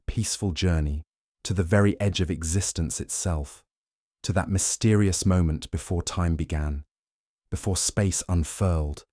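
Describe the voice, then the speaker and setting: A man narrates a bedtime script for relaxation in a deep, dark, mellow voice. His delivery is gentle and unhurried, soothing throughout. The sound is dry, with no room around it. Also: no room sound. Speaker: narrator of a sleep science channel.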